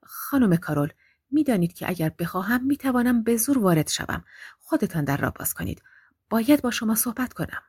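A man's voice: high-pitched, lively intonation, a little mellow, slightly rough, dry recording, studio quality, pitched above the performer's own voice. A woman voicing a menacing male intruder who pleads insistently through a locked door and then threatens to force his way in. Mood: threatening.

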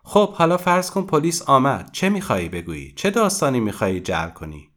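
A man reading a storybook aloud and voicing a scheming, sharp-tongued young woman swindler who speaks high, loud and defiant. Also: big pitch swings.

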